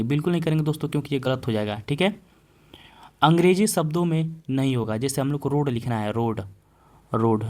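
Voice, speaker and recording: A male teacher giving an exam-prep Hindi grammar lesson, repeating example words slowly and asking the class questions he then answers himself. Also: on the high side, a little mellow.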